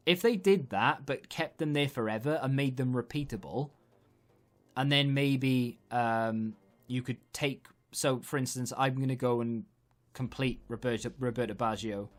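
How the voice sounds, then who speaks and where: A man giving casual, rambling video game commentary, thinking aloud in a conversational way as he hosts. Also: medium pitch. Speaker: gaming video host. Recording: background music. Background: music under the voice.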